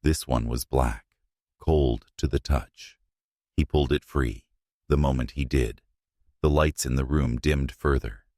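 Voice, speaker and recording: A man narrating a scripted horror story in a hushed, suspenseful manner, in short, measured phrases. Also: very deep voice, fairly even intonation, no room sound, clean studio sound.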